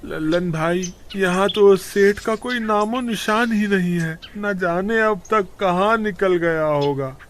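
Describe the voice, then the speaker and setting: Brief: a man as sly cartoon village crooks, wheedling, slightly high voice. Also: unhurried, few pauses, slight background noise. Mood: scheming. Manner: wheedling and excitable. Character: two scheming male village tricksters.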